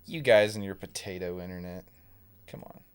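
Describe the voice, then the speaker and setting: A man's voice: sits low, normal speed, clear, resonant tone. A man hosting a game livestream, chatting casually and joking with viewers and friends. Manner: laid-back, joking, chatty. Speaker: streamer.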